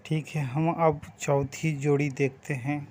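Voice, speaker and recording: Slow, patient man teaching vowels. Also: a little high, little pitch movement, darkish tone. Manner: patient, drawn-out vowel demonstrations. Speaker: language teacher. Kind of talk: slow spoken language lesson.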